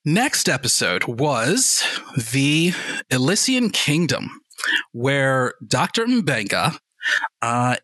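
A man's voice: mid-range voice, slow pace, no room sound. A man co-hosting a podcast in casual, enthusiastic chat, often repeating words as he talks. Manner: enthusiastic, animated, with repetitions. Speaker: podcast co-host.

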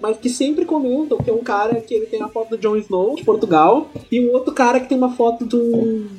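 A man's voice: very high-pitched, a little fast, darkish tone. A young man from southern Brazil with a southern Brazilian accent, chatting casually on a podcast in a slangy, storytelling way. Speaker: podcast co-host. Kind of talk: casual chat.

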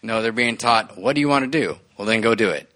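A man in his forties co-hosts a podcast, speaking a little fast in a low voice that's pushed and bright. His casual, earnest chat rambles with restarts and frequent laughs.

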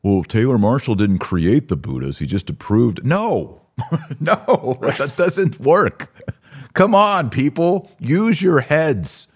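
A podcast host with a medium-pitched, husky voice speaks slowly yet very animatedly. He offers opinionated religious commentary, exhorting listeners emphatically and posing rhetorical questions.

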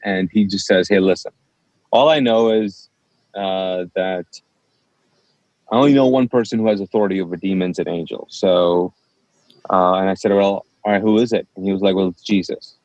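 With a low-sitting voice and a moderate pace, a man tells his story as a guest in a casual interview. He's a pastor from Kuwait who grew up speaking Urdu, and he acts out the dialogue animatedly. The audio is dull with no room sound.

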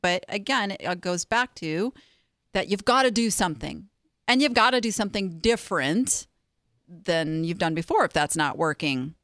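A woman hosting a casual interview chat, animated and given to sarcastic asides. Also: lowish voice, moderate pace, no room sound, clean studio sound. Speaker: podcast host.

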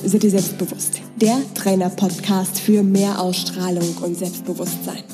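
A woman's voice: on the low side, little pitch movement, measured pace. A woman reading a scripted podcast intro. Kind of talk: scripted intro over music. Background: music.

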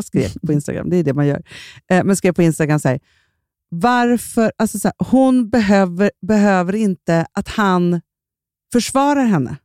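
A woman co-hosting a podcast in casual chat, talking fast with restarts and acting out quotes. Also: lowish voice, a little mellow, dry recording, clean studio sound. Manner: chatty, acts out quotes, trailing restarts. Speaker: podcast co-host.

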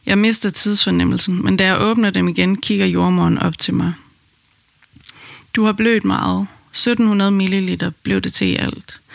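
A woman calmly narrating her own birth story in the first person, in an intimate storytelling manner. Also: medium pitch, gravelly, no echo.

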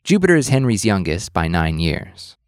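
A man's voice: deep voice, sing-song, normal speed, a little hiss or hum. A man narrating a story podcast as its host, in a dry, wry scripted delivery.

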